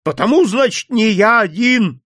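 A man's voice: on the high side, moderate pace, gravelly, breathy edge, no echo, studio quality, exaggerated voice. A man voicing a grumpy, proud old millionaire merchant who grumbles. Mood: gloating. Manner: grumbling, lively.

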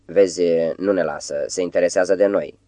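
A man reading a fearless young woman in an audiobook. She sounds ardent and reassuring but low-pitched. The recording is dry and close. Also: mellow, dry recording.

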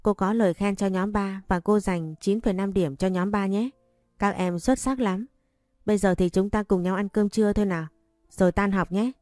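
A woman voicing a calm, fair female schoolteacher in a storybook reading, gentle and patient. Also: medium pitch, normal speed, dry recording, faint music behind, close to an everyday voice.

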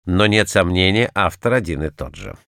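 A man's voice: sits low, moderate pace, creaky, fairly bright tone, no echo, clean studio sound. A man voicing a cool, analytical detective who lectures in a detached, precise way, in an audiobook. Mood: coolly lecturing. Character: cool analytical male detective, middle-aged. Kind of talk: audiobook character reading.

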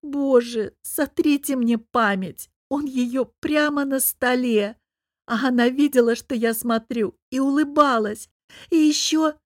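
A woman's voice: a little slow, no room sound, clean studio sound. A woman voicing a heartbroken young wife who cries and wails as she speaks, in an audiobook. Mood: wailing. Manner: wailing, high and strained. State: crying.

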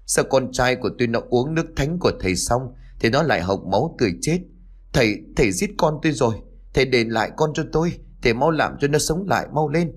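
Male narrator puts on a shrieking bereaved village mother, high and rushed, lurching up and down. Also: lively intonation, lightly acted. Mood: frantic grief. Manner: wailing, shrill pleading. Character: grieving frantic village mother, woman.

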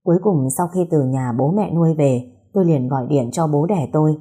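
A woman narrating a first-person story in a steady, somber storytelling manner. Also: deep voice, fairly quick, slightly rough.

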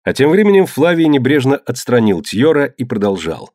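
Low, measured male audiobook narrator. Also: very animated, darkish tone, no room sound, studio quality. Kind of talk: scripted narration.

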